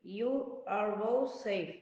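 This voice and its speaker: A woman voicing a big, grumpy, bearded male puppet master for a storybook reading, gruff and commanding. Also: medium pitch, drawn-out words, very noisy, pitched below the performer's own voice. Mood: relenting. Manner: gruff and commanding, softening later. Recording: echoey muffled room with faint music.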